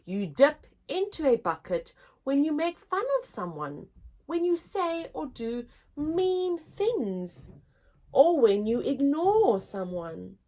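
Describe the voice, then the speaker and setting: A woman leads a children's story time, reading a picture book aloud to young listeners with an expressive, deliberate, teacher-like delivery. Her voice sits high.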